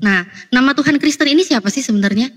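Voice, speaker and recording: A woman's voice: sits high, fast talker. A woman in a heated online debate, talking in an insistent, lecturing way and sounding exasperated, on a video call.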